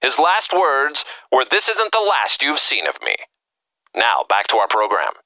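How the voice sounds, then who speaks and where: A man doing a bright formal radio announcer. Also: medium pitch, wildly swooping pitch, unhurried, no echo, heavily acted. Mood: grave. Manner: crisp formal bulletin delivery. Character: adult male radio news announcer, formal.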